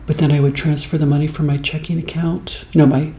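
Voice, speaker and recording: A man in his late fifties talking in a slow, rambling, soft-spoken ASMR way, as host of the show. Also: fairly high pitch, little pitch movement, roomy sound, a little hiss or hum. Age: 50s.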